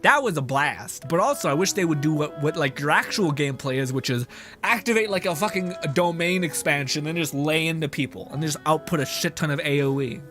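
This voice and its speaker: Bright and forceful, the fairly high voice of a young male game streamer moves at a brisk clip. Over background music, he jokes, swears and chats with his viewers in casual live gameplay commentary.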